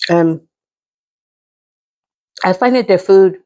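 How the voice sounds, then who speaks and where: A middle-aged American woman with a fairly low voice talks casually to her viewers during a meal. She speaks between bites while eating and savors the food with small mms. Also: takes it slowly, warm tone. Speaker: mukbang host.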